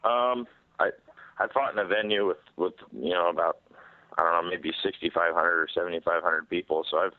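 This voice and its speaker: A man, a fighter, answering press questions on speakerphone in a halting way with many fillers. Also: low-pitched, steady tone, dry recording. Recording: tinny phone line, dry.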